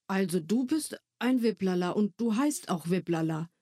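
A woman reading a story aloud, voicing an eager young boy who pleads in a slow, drawn-out way. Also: medium pitch, expressive, warm tone, dry recording, clean studio sound, natural voice. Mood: curious.

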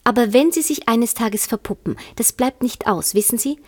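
A woman voicing a polite, flustered young girl who speaks higher and more eagerly in a storybook reading. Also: moderate pace, lightly acted.

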